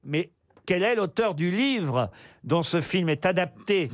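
A man hosting a lively radio panel show and quiz, bantering quickly and laughing often. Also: sits high, no room sound, studio quality.

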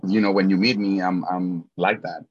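A middle-aged Mexican man with a Mexican Spanish accent chats enthusiastically as an interview guest, often repeating words as he starts a thought. His voice is low and slightly rough, with fairly even intonation at a normal speed. It's a casual interview chat, and the recording has a dull lo-fi sound.

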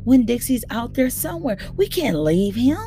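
A woman's voice: fairly high pitch, very animated, moderate pace, pitched above the performer's own voice. A woman reading an audiobook and voicing a stubborn, heartfelt young girl who pleads and argues. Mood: pleading. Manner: pleading, defiant. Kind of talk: audiobook character voice.

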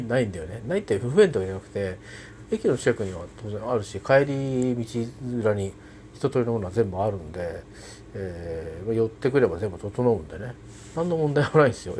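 A man talking alone in a casual spoken diary, rambling politely with many fillers and restarts and trailing off softly at the ends of phrases. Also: lowish voice, slight background noise. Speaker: solo podcast host.

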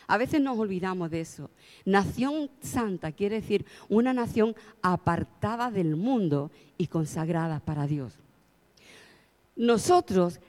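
A woman preaches a sermon through heartfelt stories, rising to emphatic moments to press her points. Her voice is medium-pitched with a darkish tone, and a long hall reverb surrounds it.

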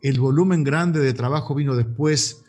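A man's voice: medium pitch, normal speed. A man in his fifties with a Rioplatense Argentine accent, a voice actor talking animatedly in a casual interview. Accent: Rioplatense Argentine Spanish. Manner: animated, gesturing storyteller. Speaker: voice actor guest. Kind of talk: casual interview over a call.

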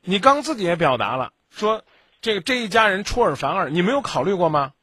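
Lively, bright-voiced blunt man lecturing a caller. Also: high voice, a little fast, breathy edge, no echo, clean studio sound. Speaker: radio advice host. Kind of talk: late-night call-in advice. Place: radio studio.

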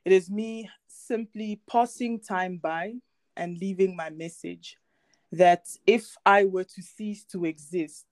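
A woman's voice: mid-range voice, slow, no echo. Giggly young woman. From South Africa. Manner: cheerful, giggly, relaxed. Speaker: guest, dancer and poet. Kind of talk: casual interview chat.

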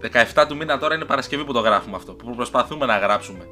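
Man hosting a home podcast, joking and swearing, mid-pitched voice, guitar music behind. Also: expressive, pushed and bright. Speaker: podcast host. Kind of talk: casual drunk-stories chat among friends. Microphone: shared home podcast mic.

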